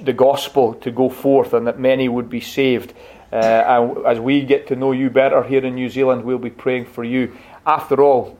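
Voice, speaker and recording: In a church sanctuary, a middle-aged Scottish man, a visiting pastor, delivers a warm, conversational sermon with gentle humour and reads scripture aloud. His voice sits in the mid range.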